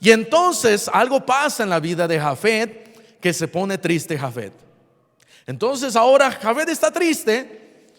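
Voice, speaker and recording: Man, pastor, animated sermon, high voice, slow unhurried delivery. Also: in a large hall. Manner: animated preaching, acts out dialogue. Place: church.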